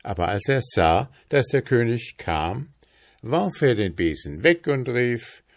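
A man reading a fairy tale aloud as narrator, in an unhurried storytelling manner. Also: medium pitch, sing-song.

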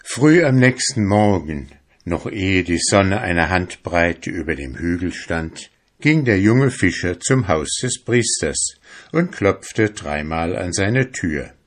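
A man narrating a fairy tale in a calm, measured reading style. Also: low voice.

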